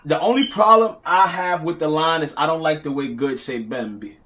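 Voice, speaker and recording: A man's voice: on the high side, animated, fairly quick, heavy background noise. A man giving casual, mocking commentary on battle rap clips, mimicking the words he repeats.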